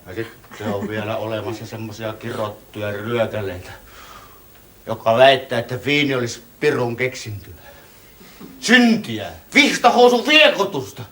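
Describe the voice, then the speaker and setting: A man performing a comic theatre monologue as a tipsy wedding guest, telling the story boisterously and swinging between shouts and hushed awe. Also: mid-range voice, expressive. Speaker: stage performer.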